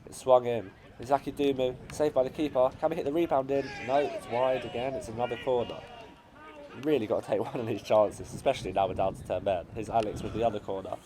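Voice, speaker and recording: A man with an English accent commentating on his own amateur football team's match highlights, his voice cracking as the excitement builds. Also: quick pace, a crowd in the background. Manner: builds to shouting excitement at late chances.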